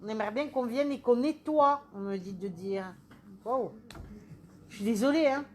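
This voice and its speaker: A woman working as a medium, giving a live reading with animated, questioning speech and a habit of repeating phrases. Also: on the high side, normal speed, slight background noise.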